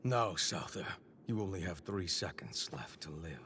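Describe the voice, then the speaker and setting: A man's voice: low-pitched, lively intonation, moderate pace, pushed and bright, far from the mic, a little hiss or hum. A man playing a stern, determined martial arts hero in an anime dub. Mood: grim, resolute.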